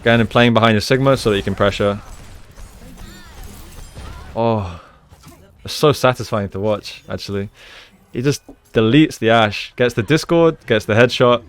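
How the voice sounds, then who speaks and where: A low-voiced man analyses video game gameplay as a coach and analyst, recorded clearly. His commentary is explanatory and conversational at a moderate pace, with long pauses and frequent "right?" check-ins.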